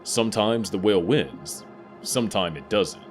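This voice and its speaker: A man narrating a scripted nature documentary in a dramatic, measured, explanatory way. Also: lowish voice, animated. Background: music bed.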